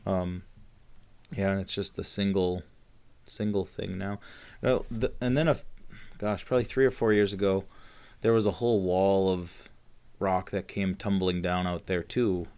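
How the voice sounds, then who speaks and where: Podcast co-host: man, very low voice, easygoing rambling chat. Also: fairly even intonation, a little slow, a little mellow, clear, resonant tone. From Upper Peninsula of Michigan. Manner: rambling, many fillers and restarts. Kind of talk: casual chat.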